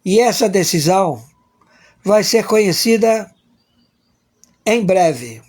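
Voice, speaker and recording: A man's voice: high voice, big pitch swings, takes it slowly, darkish tone, slightly rough. A man giving a crude, profane political rant in an emphatic, repetitive way, acting out imagined dialogues.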